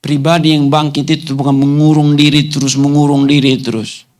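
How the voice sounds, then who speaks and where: A male pastor preaching a sermon to his congregation, firing off rhetorical questions and rising into commanding, almost shouted lines. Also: on the high side, level tone, brisk. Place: church hall.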